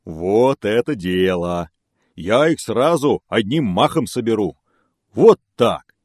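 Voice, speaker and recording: A man voicing a big clumsy greedy bear from a fairy tale, gruff and bossy. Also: fairly low pitch, lively intonation, slow pace, darkish tone, dry recording, clean studio sound. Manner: bossy, blustering.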